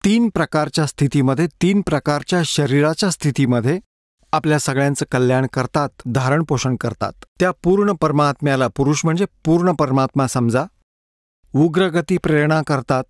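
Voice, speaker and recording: A preacher gives a dubbed sermon, going through scripture verse by verse and slowly repeating key words. His voice is a little high for a man. The sound is close and dry, with no room sound.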